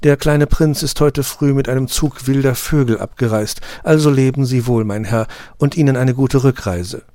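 A man's voice: mid-range voice, a little slow, a little mellow, no room sound, clean studio sound, pitched above the performer's own voice, close to an everyday voice. A man reading an audiobook, voicing a proud, tender female rose flower that speaks formally and gets tearful.

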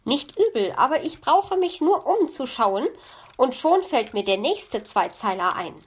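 A woman voicing an excitable, gushing female magpie in a children's audiobook. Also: sits high, a little slow, slightly rough, pitched above the performer's own voice, full character voice. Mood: excited. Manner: gushing, bright and eager.

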